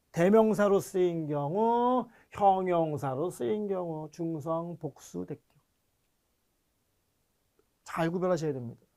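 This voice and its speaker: A male language teacher gives an online grammar lecture in a high, slightly mellow voice. He explains step by step, often checks that students are following, and reads foreign words slowly and deliberately.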